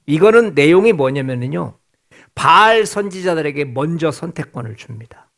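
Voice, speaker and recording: Male pastor preaching in church, a bit high voice, throws questions at the crowd and answers them himself, slows way down on the big words. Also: animated, a bit bright. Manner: asks the congregation questions and answers them, drawing out key words slowly. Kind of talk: sermon. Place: church sanctuary.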